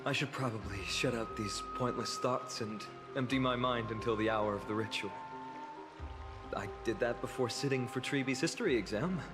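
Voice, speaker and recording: An actor playing an earnest, kind young male hero in a video game, reflective and gentle. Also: medium pitch, moderate pace, natural voice. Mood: wistful. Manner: reflective, gentle, self-deprecating. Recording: long reverb with game music.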